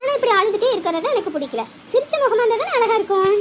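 A woman's voice: extremely high pitch, very animated, racing, a loud crowd. A woman plays a kind, tearful village aunt in a family drama, talking in a soothing and pleading way. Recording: loud background noise.

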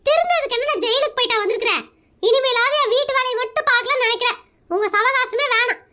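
A woman's voice: extremely high pitch, fast, noisy background. A woman voicing a brusque village housewife. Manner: brusque, scolding, matter-of-fact. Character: bossy middle-aged village housewife, sharp-tongued. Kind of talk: cartoon comedy voicing.

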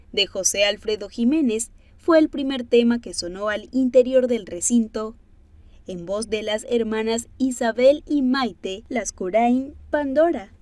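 A woman's voice: a little high, mellow, no echo. Woman narrating entertainment news, close dry sound. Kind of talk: scripted narration.

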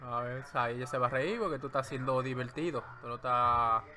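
A man's voice: medium pitch, a little fast. A man with a Dominican Spanish accent, streaming from home as he draws and giving playful, rambling commentary into a desk microphone. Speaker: streamer drawing live. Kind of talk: joking running commentary while drawing.

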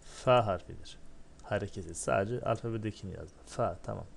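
Low-voiced man teaching a slow lesson. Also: gravelly. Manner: asks himself questions and answers them, drills syllables. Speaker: Arabic teacher. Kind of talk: step-by-step classroom lesson.

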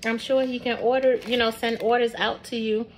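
A woman's voice: fairly high pitch, flat delivery, moderate pace. A woman hosting a casual cooking vlog, chatting and tasting food on camera. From Georgia, US. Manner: chatty, tastes on camera with mouth full. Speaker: cooking channel host. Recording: audible background noise.

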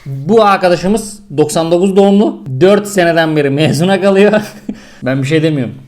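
Young man, high voice, from Turkey, slangy, comedic mail reading, casual vlog. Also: fairly quick, darkish tone. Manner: slangy, joking, mimics voices while reading. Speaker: YouTuber reading viewer mail.

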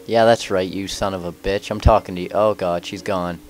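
A man's voice: sits low, fairly even intonation, brisk, faint music behind. A man giving casual let's play commentary, cracking jokes and talking back at the game characters. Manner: joking, wisecracks at game characters.

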